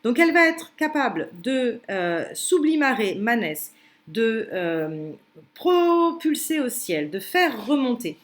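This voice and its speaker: A woman's voice: on the high side, sing-song, slow pace. A woman teaching a commented translation lesson, explaining step by step with many fillers and restarts.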